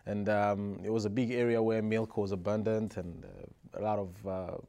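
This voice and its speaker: Man from Rwanda, low voice, easygoing interview guest who tells stories. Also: moderate pace, creaky. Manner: relaxed storytelling with frequent restarts and soft laughs. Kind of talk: casual interview conversation.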